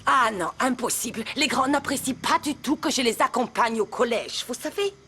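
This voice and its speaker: An actress playing a timid German housekeeper who stammers, speaking French with a German accent in a TV dub. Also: female voice, a little high, animated, normal speed, pushed and bright, breathy edge, faint music behind, full character voice. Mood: flustered. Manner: hesitant, stammering.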